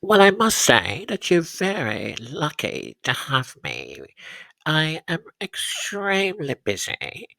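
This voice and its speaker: A man doing a disguised, nasal, gravelly body-language expert. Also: fairly high pitch, huge pitch swings, sharp tone, dry recording, voice pushed up, heavily acted, rough recording. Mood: pompous. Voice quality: nasal and strange. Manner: slow, halting, boastful, stumbles over words. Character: pompous self-styled male body-language expert in disguise. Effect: disguised, electronically altered voice.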